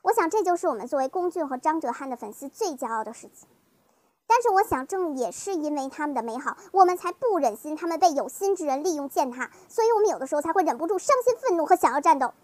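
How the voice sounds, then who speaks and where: A woman's voice: sits high, sing-song, fast, darkish tone, no echo. A woman fan vlogger talking casually to her viewers in a chatty, coaxing way, often asking them rhetorical questions. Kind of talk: casual fan commentary talk.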